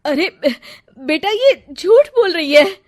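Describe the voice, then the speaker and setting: A woman voicing a harsh, bossy middle-aged mother-in-law who scolds loudly in a storybook drama. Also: sits high, steady tone, normal speed, natural voice. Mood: pleading. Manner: scolding, raises her voice.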